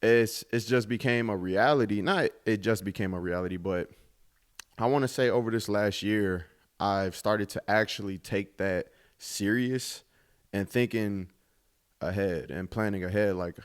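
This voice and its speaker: A man's voice: fairly low pitch, measured pace, clean tone. A man in his twenties hosting his own podcast, talking in a laid-back, reflective way with casual swearing. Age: 20s. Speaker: podcast host. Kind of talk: casual solo podcast monologue.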